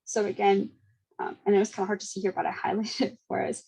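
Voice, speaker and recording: A young woman giving a seminar talk, speaking quickly with frequent fillers and small laughs. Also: mid-range voice, level tone, dark tone, husky, low-quality recording. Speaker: student presenter.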